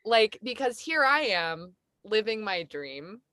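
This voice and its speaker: A woman hosts a relaxed podcast conversation and slips into animated storytelling, acting out her own past reactions. Her voice is bright and forceful. The sound is dry and close, with no room around it. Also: medium pitch, slow, dry recording. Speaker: podcast host. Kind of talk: casual conversation. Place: camper van.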